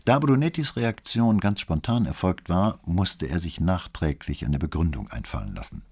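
A man narrating an audiobook novel in an expressive storytelling manner. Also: low voice, moderate pace, slightly rough. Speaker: audiobook reader.

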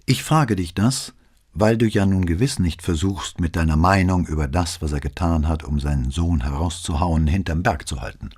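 A man voicing a sharp-tongued woman who argues back with pointed questions in an audiobook. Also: sits low, normal speed, breathy edge. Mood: argumentative. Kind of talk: audiobook reading.

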